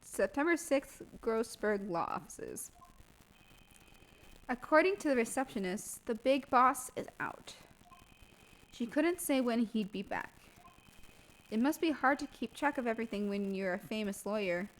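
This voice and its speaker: A woman's voice: a little high, expressive, unhurried, long pauses, poor audio. A woman reading a wry young lawyer. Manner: dry, wry narration. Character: young male defense lawyer, wry and observant. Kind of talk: reading game dialogue aloud.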